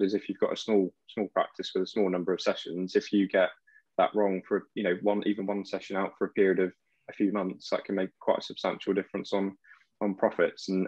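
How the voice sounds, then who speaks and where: A young male accountant with a low, darkish voice answers questions on a professional video call from a room at home, hesitating often with lots of fillers and restarts. The lo-fi call audio sounds dull and carries no room sound.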